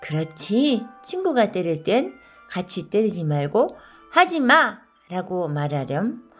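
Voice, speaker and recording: A woman voicing a kind, patient schoolteacher in a children's storybook read-aloud, asking gentle, soothing questions. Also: mid-range voice, big pitch swings, slow pace, soft background music.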